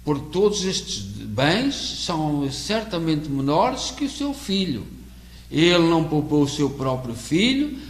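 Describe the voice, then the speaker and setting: A Portuguese man with a European Portuguese accent delivers an earnest sermon haltingly, frequently repeating words while hunting for the next one. His voice sits fairly high, and the recording has an echoey room with a faint hum.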